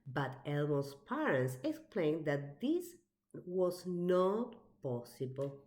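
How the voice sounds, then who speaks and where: With a deep voice, a female storybook reader works through a children's picture book, giving it an expressive, carefully paced delivery.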